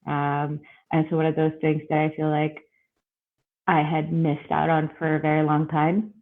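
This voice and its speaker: A woman from Bangladesh, born in Russia, talks through her story as a podcast guest, relaxed and reflective. Her voice stays quite flat in pitch. It comes over a tinny, phone-like line. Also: moderate pace. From born in Russia, raised in Bangladesh. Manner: relaxed, reflective, with fillers and light laughs. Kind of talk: casual interview conversation.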